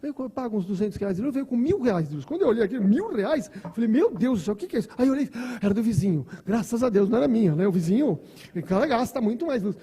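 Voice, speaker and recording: A man's voice: high voice, expressive, fast talker, warm tone, husky. A Brazilian man, a doctor, giving a conversational spiritist lecture full of stories, asides and repeated words. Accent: Brazilian Portuguese.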